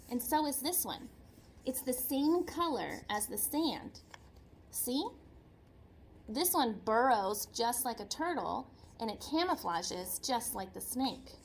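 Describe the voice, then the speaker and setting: In a read-aloud lesson, a woman teacher expressively shares a picture book with children, explaining things simply and chattily, repeating herself and asking questions. Her voice is a little high and a bit bright, over slight background noise.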